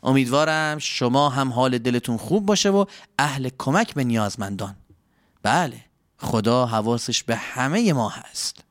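A man's voice: mid-range voice, animated, dry recording, studio quality. A man hosting a children's story show, telling the story expressively and addressing the listeners directly.

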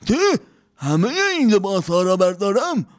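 A man voicing a poor, hungry old man who is giddy and boastful, with a squeaky voice and bursts of laughter. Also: lively intonation, darkish tone. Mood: giddy, grateful. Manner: high squeaky voice with laughter, speaks formally.

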